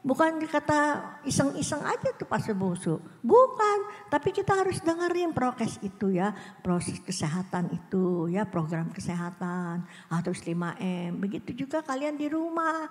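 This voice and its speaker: A middle-aged woman teaching children a Bible story in a lively storytelling way, acting out the characters' lines. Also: normal speed, in a large hall. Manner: lively storytelling, voicing characters' lines with big pitch swings. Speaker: Sunday school teacher.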